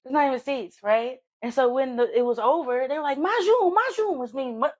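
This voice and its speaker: A woman guest telling her life story in a casual, animated way, her voice jumping high when excited. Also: a little fast, lo-fi sound.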